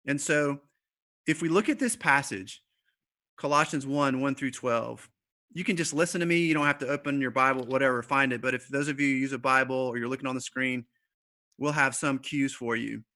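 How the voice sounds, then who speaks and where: A man preaching a conversational sermon, speaking to the congregation and the children watching online, with fillers and repeated starts, slowing down for emphasis. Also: medium pitch, bright, forceful tone. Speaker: pastor. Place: church service streamed online.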